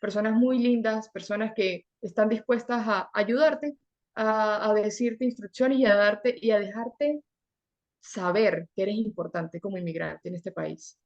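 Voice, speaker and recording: A young adult woman from Venezuela, a guest in an interview, telling her story in an earnest, animated way, often repeating words for emphasis. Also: mid-range voice, unhurried, lo-fi sound. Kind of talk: conversational interview.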